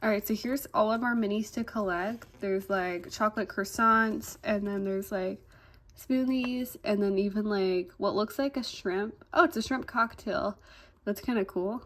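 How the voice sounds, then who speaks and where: A young woman casually vlogs a toy unboxing, chatty and easily delighted, peppering her speech with "like" and "um." She sounds slightly congested, speaking at medium pitch and an unhurried pace.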